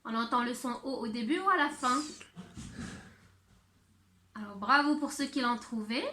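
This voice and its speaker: A woman teacher giving a handwriting and sounds lesson to young children, speaking slowly and clearly. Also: on the high side, pushed and bright, reverberant, a little hiss or hum. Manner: slow, clear teacher talk addressed to children. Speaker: primary school teacher.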